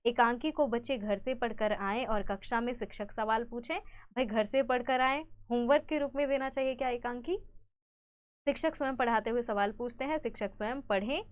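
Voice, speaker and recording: A woman teacher, brisk in manner, reading out exam questions and their options, then explaining the answers in an online exam-prep lesson. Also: a little high.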